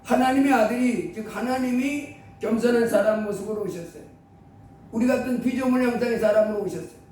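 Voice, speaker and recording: A man with a strikingly high voice preaches a sermon in a casual, conversational manner, throwing out rhetorical questions and slipping into the voices of the people he quotes. He sounds far from the mic in a heavily echoing hall, with a faint rumble underneath. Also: a little fast, a little mellow. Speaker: pastor.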